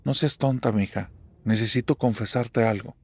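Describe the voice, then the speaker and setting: A man with a Mexican accent voicing a frightened, nervous middle-aged mother who pleads in a shrill, panicked way. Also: moderate pace, breathy edge, no echo. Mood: urgent.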